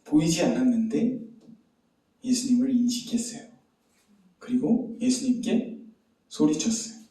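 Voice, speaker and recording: A man's voice: a little high, sing-song, a little slow, dark tone. A man preaching a sermon as pastor, telling a story and asking the listeners rhetorical questions. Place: church sanctuary. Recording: very echoey hall, distant mic.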